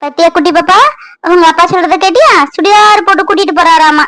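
A woman's voice: extremely high pitch, fast, fairly bright tone. A woman voicing a chatty, playful pregnant young wife in a cartoon, who talks to her unborn baby.

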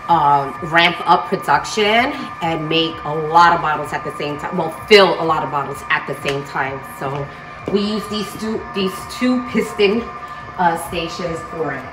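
A woman's voice: fairly low pitch, far from the mic. A middle-aged woman giving an enthusiastic, informal walking tour as a business owner, her voice echoing in a big warehouse space. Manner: enthusiastic, presenting on her feet while walking. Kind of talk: informal walk-through video tour narration. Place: large indoor warehouse and open office. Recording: echoey warehouse, voice away from mic.

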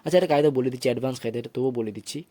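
A man teaching Quran reading, slowly spelling out syllables and chanting short recited phrases in a patient classroom manner. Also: mid-range voice, dark tone, dry recording. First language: Bengali. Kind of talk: tajweed lesson, spelling out and reciting verses.

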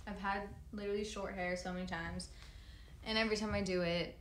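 A woman in her twenties hosts a casual livestream, answering comments in a laid-back, chatty way and swearing frequently. Her medium-pitched, steady, fairly bright voice moves a little fast. She's filmed on a phone held at arm's length in a large, plain indoor room, so the sound is roomy with a slight hiss or hum.

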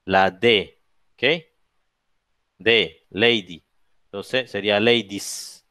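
Switching between English and Spanish, a male teacher with a Latin American Spanish accent takes his class through plural rules, stating each rule in English and then in Spanish while checking with "¿ok?" and "¿ya?". He talks slowly, spelling letters and example words one at a time in a drawn-out way. His lowish voice is smooth, resonant, bright and forceful, with fairly even intonation, close and dry on the mic with no room sound.

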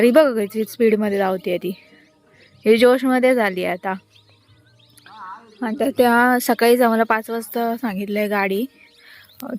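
A woman filming her pets outdoors in a village, chatting to viewers and calling the animals in a high sing-song voice. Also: a little mellow. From Konkan, Maharashtra. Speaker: pet vlogger. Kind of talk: casual vlog narration.

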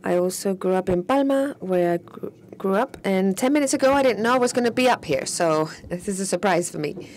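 Interpreting a panel discussion in real time, a woman speaks in a mid-range voice against slight background noise. Her delivery is steady yet a bit halting, with restarts as she tracks each speaker.

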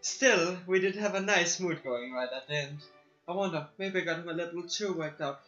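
A man's voice: fairly high pitch, normal speed, sharp tone, lo-fi sound, soft background music. A young man hosting a let's play, reading the game aloud and joking crudely. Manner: crude, joking, swears a lot.

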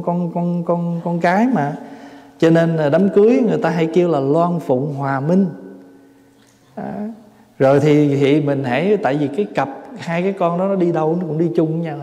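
A Southern Vietnamese monk in his forties gives a dharma talk in a fairly high, mellow voice. He speaks conversationally, with humor and questions for the listeners. A long hall reverb trails behind his words. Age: 40s. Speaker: Buddhist monk teacher.

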